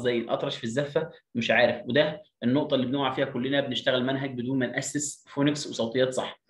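A man with an Egyptian Arabic accent teaching an English lesson, repeating words slowly to drill their pronunciation. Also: medium pitch. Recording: roomy echo.

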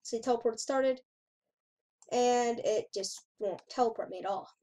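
A woman's voice: on the high side, a little slow, dark tone. A woman hosting a gaming channel, giving casual gameplay commentary, chatty and reading on-screen text aloud as she reacts to it.

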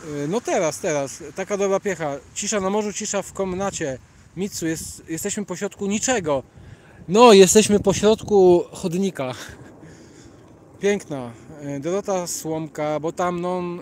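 A man's voice: high voice, a little slow, slight background noise. A man with a Polish accent hosting a casual livestream on a night walk along a city sidewalk, rambling and reading out viewers' chat names as he greets them. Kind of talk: casual live chat while walking.

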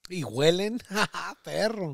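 A man co-hosting a casual comedy podcast, tossing in deadpan quips and mixing Spanish and English. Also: high voice, very slow, gravelly, noisy background. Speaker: comedian co-host.

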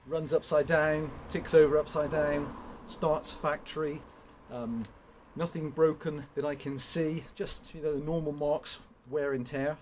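A man's voice: fairly high pitch, steady tone, measured pace, few pauses, a little mellow. Rambling young man in a noisy woodshed. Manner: rambling, many fillers and restarts. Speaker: chainsaw vlogger. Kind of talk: casual product walkthrough. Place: open woodshed with log piles.

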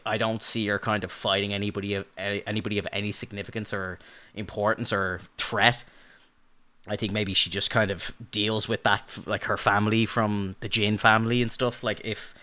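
Man co-host, lowish bright voice, rambling casual talk. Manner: rambling, many fillers and restarts. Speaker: podcast co-host. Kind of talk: casual review chat.

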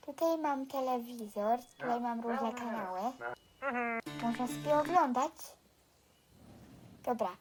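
High-pitched female vlogger through a voice changer. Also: low-quality recording. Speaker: video creator giving a game house tour. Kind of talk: casual gameplay vlog commentary.

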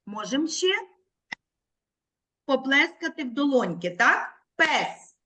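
A woman teaching young children over a video call, with a bright, lively voice that swoops up and down as she coaxes answers. She talks at an unhurried pace and stretches words into clear, separate syllables, like a patient teacher leading a small class through a literacy lesson. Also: high voice. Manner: slow, clearly articulated, patient teacher's prompting. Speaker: primary school teacher.

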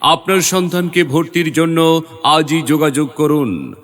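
Male Bangladeshi announcer, slow and formal, PA-system delivery with long reverb, for a scripted admission promo. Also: on the high side, fairly bright tone.

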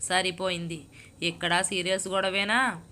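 A woman's voice: lowish voice, level tone, moderate pace, a little hiss or hum. Woman reading a puzzled patient friend. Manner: gently questioning, baffled. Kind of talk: storybook reading.

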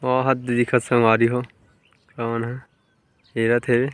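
A man's voice: medium pitch, completely flat delivery, unhurried, clean tone, no room sound. A young man with a Chhattisgarhi accent, narrating a casual village vlog outdoors by a pond and chatting to viewers as friends. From India. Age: young adult. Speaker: village vlogger.

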